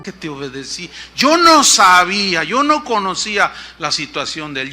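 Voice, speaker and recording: A man's voice: sits high, bright, forceful tone. A middle-aged man preaching a sermon, telling a personal story and acting out the voices of the people in it. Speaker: pastor.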